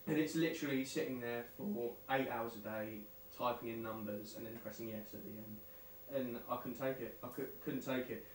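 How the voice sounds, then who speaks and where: A man's voice: medium pitch, normal speed. A young man hosting a casual chat show, jokey and rambling, laughing often. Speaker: radio show host. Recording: roomy, distant mic, faint hiss.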